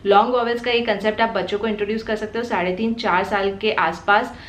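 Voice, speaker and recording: A woman with an Indian accent, hosting a parenting channel and patiently explaining phonics step by step, sounding out letters slowly. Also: medium pitch, fairly even intonation, roomy sound, a little hiss or hum. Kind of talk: explanatory home teaching video.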